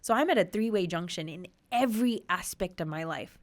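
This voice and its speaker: Low-leaning and quick, the voice belongs to an Australian woman in her thirties who is a podcast guest. She tells her story candidly, and her recollections burst with animated emphasis.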